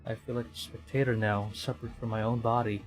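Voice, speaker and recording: A Filipino man streams a game over game music, reading the on-screen text aloud and reacting wryly between stammers. His voice is medium-pitched, flat, and fast, and he sounds hesitant. The audio quality is poor.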